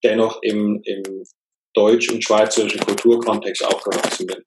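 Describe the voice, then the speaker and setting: Low-voiced male coach with faint hiss. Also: normal speed, rough recording. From Germany, then Switzerland from age twelve. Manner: relaxed, reflective, some fillers. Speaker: coach and author. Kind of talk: interview guest.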